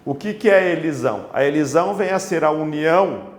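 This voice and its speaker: A man teaching a poetry lesson, slowly spelling out syllables and checking in with his students. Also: a little high, reverberant. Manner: slow, deliberate, stretches out syllables when counting; asks the class for agreement with tag questions.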